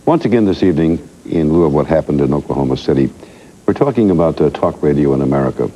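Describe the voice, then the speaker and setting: A man reading television news and then hosting a studio interview in a measured, formal manner. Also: a bass voice, lively intonation, dark tone. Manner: measured, formal newsreader delivery. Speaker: TV news anchor and talk show host. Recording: dull lo-fi 1990s TV audio.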